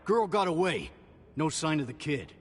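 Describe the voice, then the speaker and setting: A man's voice: on the high side, sing-song, normal speed, slight background noise. An actor playing a menacing male guard in a video game, talking in a threatening, curt manner.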